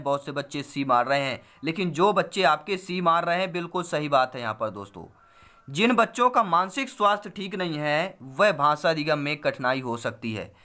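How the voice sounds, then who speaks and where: A man's voice: fairly high pitch, pushed and bright. A man teaching a Hindi exam-prep lesson, walking through answers step by step and repeating key phrases.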